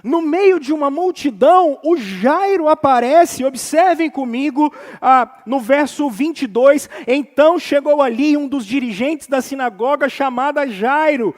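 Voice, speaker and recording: A man's voice: very high voice, measured pace, few pauses, in a large hall. A Brazilian man preaching a casual sermon as pastor, talking informally and addressing the congregation directly with everyday slang. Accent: Brazilian Portuguese. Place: church sanctuary.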